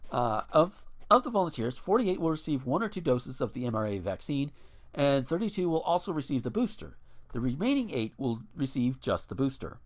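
Blunt, lively-voiced podcast man. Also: medium pitch, a little fast. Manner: blunt and profane, ranting with restarts. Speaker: podcast co-host. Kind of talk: casual podcast chat, reading a news article aloud.

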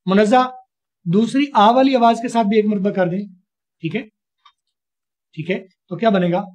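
A man's voice: high voice, steady tone, normal speed, a little mellow. A man from Pakistan teaching a spoken English class online, patiently quizzing a student with repeated questions.

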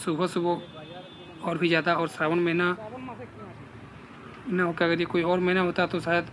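A man, walking through an outdoor fish market and narrating a casual vlog into a phone held at arm's length, pointing things out in a plain, unhurried way. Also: high-pitched, monotone, a crowd in the background, poor audio. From India. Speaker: vlogger. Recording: outdoor street noise and traffic.

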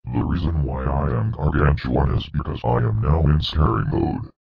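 Brief: a menacing demonic cartoon dinosaur, extremely deep and gravelly, dull lo-fi sound. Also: male voice, exaggerated voice. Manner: gloating, threatening, slow and deliberate. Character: demonic evil male purple dinosaur, menacing. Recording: dull muffled lo-fi audio.

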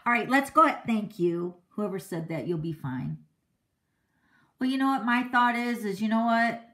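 A woman's voice: mid-range voice, lively intonation, moderate pace, a bit bright. A middle-aged woman hosting a card-making livestream, chatting casually with viewers in a boisterous, outspoken way and laughing often. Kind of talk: casual live-stream chat.

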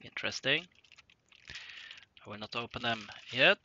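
A man casually narrating an unboxing of simulator parts at his desk, thinking aloud with hesitant pauses. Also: medium pitch. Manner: slow, halting, thinking aloud with frequent pauses. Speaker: hobbyist unboxing flight simulator cockpit parts. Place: indoor workshop room at a desk. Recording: dull lo-fi sound with clear rustling and clicking noise.

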